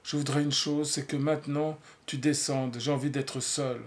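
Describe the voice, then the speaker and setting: A man's voice: fairly high pitch, level tone, normal speed, lightly acted. A jealous, wounded man, read by a male narrator in a novel, his lines clipped and bitter with a sneering edge. He speaks like a fighter trying to regain control. It stays close to the reader's everyday voice. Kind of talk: audiobook reading of a novel.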